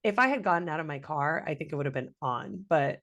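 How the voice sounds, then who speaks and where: A young woman co-hosting a podcast, telling a story in casual chat, animated and swearing freely as she acts out what people said. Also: sits low, quick pace. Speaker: podcast co-host.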